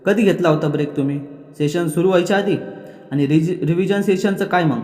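A man's voice: sits high, brisk, darkish tone, echoey room, big-room sound, voice pushed up, close to an everyday voice. A man doing a strict scolding husband. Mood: stern. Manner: stern, scolding. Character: strict serious young husband.

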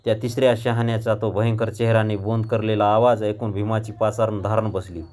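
A man narrating a short story aloud in a measured, expressive reading voice. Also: lowish voice.

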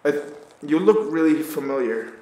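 An actor lightly performs a young male survivor, sardonic, anxious and foul-mouthed, who narrates an audio drama in first person with frequent halts and stammers. The mood is awkward and wry, and his fairly high voice is expressive and mellow. The sound is roomy and the audio poor.

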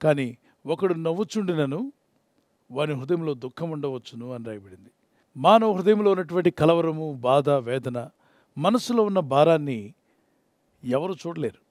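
Male pastor, high voice, earnest devotional sermon, dry close sound. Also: lively intonation, normal speed, pauses often, darkish tone, dry recording. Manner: earnest preaching, acts out prayers and quotes.

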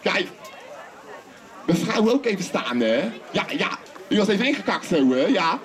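A man with a very high, bouncy voice works a crowd of children as a festival clown. He shouts out questions and jokes with them. It is recorded in the open air with the kids' noise behind him. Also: sing-song, a little slow. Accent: Dutch. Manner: playful, shouting to the crowd, teasing. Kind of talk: lively clown patter for children. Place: outdoor festival stage.

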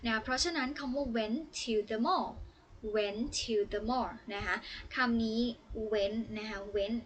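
A woman's voice: fairly high pitch, a little hiss or hum. A young woman from Thailand, a student teacher, giving a chatty, encouraging online English lesson to young children. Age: young adult. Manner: chatty, coaxing, encouraging, with warm asides to the children.

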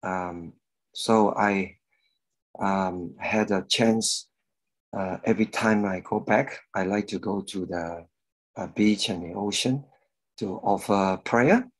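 A middle-aged man from Malaysia shares a personal testimony over a video call. His voice sits very low and he speaks slowly, pausing often with fillers. He talks from a room at home into a webcam mic. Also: rough recording. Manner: slow and hesitant, many fillers. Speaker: guest speaker giving a testimony. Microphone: video call webcam with earphones.

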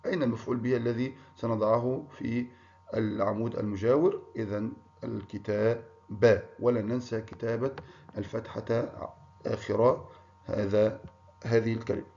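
A man's voice: mid-range voice, warm tone. A man teaching a primary school grammar lesson, encouraging pupils and praising them by name. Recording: muffled lo-fi recording.

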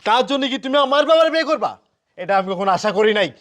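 A man's voice: very high voice, animated, very fast, fairly bright tone. A man playing a wailing, indignant jilted son. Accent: Bangladeshi colloquial Bengali. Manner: wailing, accusing and pleading.

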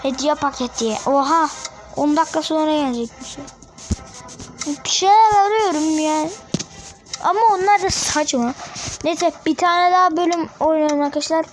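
High-pitched woman, mobile gameplay commentary, excitable trash talk, game music playing under her voice. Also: normal speed. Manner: excitable, trash-talks enemies. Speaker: mobile gamer. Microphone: phone screen recording.

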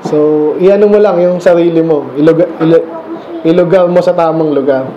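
Male Filipino preacher, casual teaching sermon, mellow tone, dull lo-fi church recording. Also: a little high, moderate pace, a little hiss or hum. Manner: keeps checking in with rhetorical questions. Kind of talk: conversational Bible teaching sermon. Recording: echoey church room, dull lo-fi sound.

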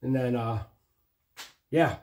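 Hoarse guy in his garage, rambling about bike stuff, cussing a lot, just chatting casual. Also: medium pitch, takes it slowly, a little mellow, a little hiss or hum. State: hoarse from a cough. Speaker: motorcycle racing vlogger. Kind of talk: casual chat. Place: home garage workshop.

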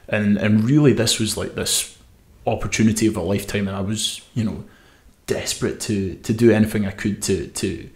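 A young swimmer with a west-coast Scottish accent is interviewed on a podcast, telling his story with many restarts. His voice is fairly low and darkish, and the desk mic on its stand picks up the echo of the small podcast room.

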